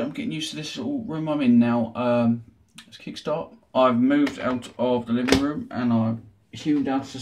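A man hosting a retro gaming video, chatting casually through an unboxing with dry, sarcastic asides from a small room at home. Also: mid-range voice. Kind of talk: casual show-and-tell unboxing. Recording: noticeable background noise.

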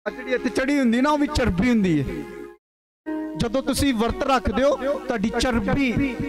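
A man's voice: very high-pitched, fairly quick. A man preaching in a Punjabi accent as pastor, urging the congregation to answer aloud and mixing in English words. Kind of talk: call-and-response sermon. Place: church hall. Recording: music playing clearly behind.

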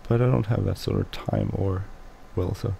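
A man whose first language is Swedish, speaking English with a Swedish accent as he hosts casual gameplay commentary, mumbling and halting with many restarts. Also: lowish voice, fairly even intonation, vocal fry, mellow, a little hiss or hum, rough recording. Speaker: let's play host.

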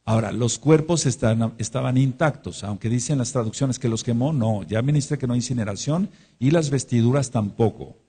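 Mexican pastor guy preaching, kinda husky voice, hammers words over and over. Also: medium pitch, brisk, few pauses, mellow. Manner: emphatic, repeats words, voices imagined questioners. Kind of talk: sermon.

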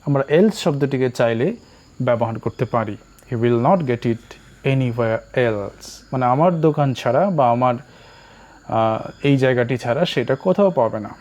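A man with a Bengali accent teaching spoken English, repeating each English phrase slowly and deliberately. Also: mid-range voice, lively intonation, darkish tone, lo-fi sound.

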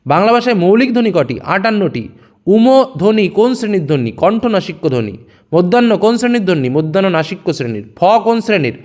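A male teacher runs quick question-and-answer revision for students. His voice sits high and moves a lot, and each answer comes out lower and softer than the question before it. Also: big pitch swings.

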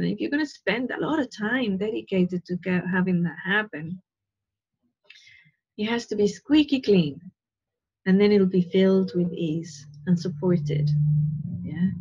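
A woman in her fifties, a spiritual teacher, gives a casual talk from her living room over a video call, earnest and rambling, checking in with "right?" and "you know." Her medium-pitched voice is husky and a little mellow. A wired earphone mic makes the call audio dull and lo-fi.

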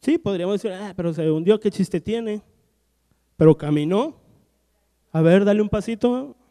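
A man preaching a sermon, telling Bible stories and acting out the characters' lines in a lively storytelling way. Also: high voice, normal speed. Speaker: pastor. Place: church hall. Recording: long church hall reverb.

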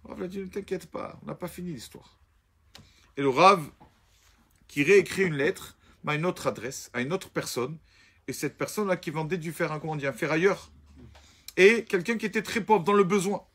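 A man telling a Shabbat story in a spoken storytelling style, acting out each character and often dropping to a low murmur. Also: normal speed, fairly bright tone, husky.

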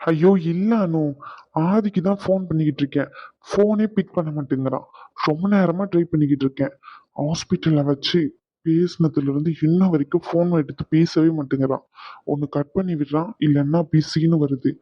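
A man's voice: on the high side, brisk, dry recording, lightly acted. A man voicing a troubled, guilt-ridden young husband in a cartoon, anxious and self-blaming. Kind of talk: cartoon voice acting. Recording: dull lo-fi recording.

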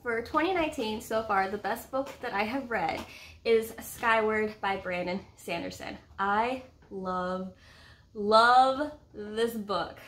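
This book vlog co-host, a woman in her thirties, gives a casual, enthusiastic review chat with playful emphasis from an indoor room at home with bookshelves. She speaks slowly in a medium-pitched, slightly bright voice.

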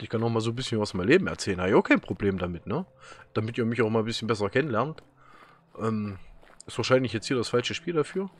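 A man with a German accent giving casual let's-play commentary, rambling and telling stories with many fillers and laughs. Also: mid-range voice. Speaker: gaming YouTuber.

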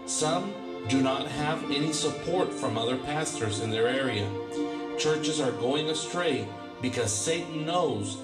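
A man narrating a documentary voice-over in a solemn, steady way. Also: on the high side, a little slow. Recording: roomy, distant, music over it.

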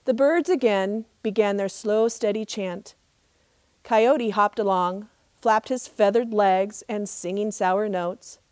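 A middle-aged woman, a park ranger, reading a trickster tale as expressive, measured storybook narration outdoors. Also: medium pitch, no echo. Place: outdoors in open desert.

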